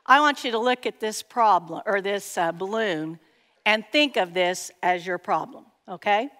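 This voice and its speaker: A woman's voice: medium pitch, lively intonation, normal speed, a bit bright. A woman gives an earnest, emphatic teaching talk to an audience at a conference workshop, with playful asides. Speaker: workshop speaker. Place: large hall before an audience. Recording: long hall reverb.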